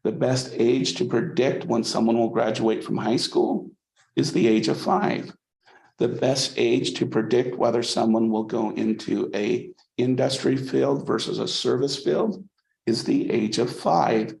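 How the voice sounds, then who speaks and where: A man lectures in a mid-pitched, strongly gravelly voice. He is conversational, restarts phrases, and keeps asking his students "okay?". The sound is roomy and echoing. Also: a little mellow. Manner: conversational, frequent "okay?" checks, repeats words when restarting. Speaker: psychology instructor. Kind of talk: college lecture.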